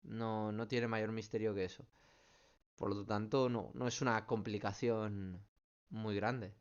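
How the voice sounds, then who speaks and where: Patient math teacher, muffled call. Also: male voice, on the low side, steady tone, a little slow. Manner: patient, explains step by step, keeps checking with "¿vale?". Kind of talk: online class solving student questions.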